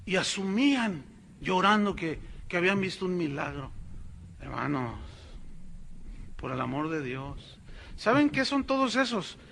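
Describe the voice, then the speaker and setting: A male pastor preaching a sermon, animated and mocking, speaking straight to his congregation. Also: high-pitched, unhurried, vocal fry, long pauses, slight background noise. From Mexico. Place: church.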